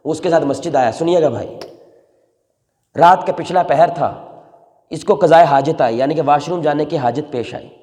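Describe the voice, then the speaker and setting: Impassioned high-voiced male preacher in a hall. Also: pauses often. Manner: impassioned, swings from soft pleading to loud exhortation. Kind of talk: emotional storytelling sermon. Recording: long reverb in a large hall.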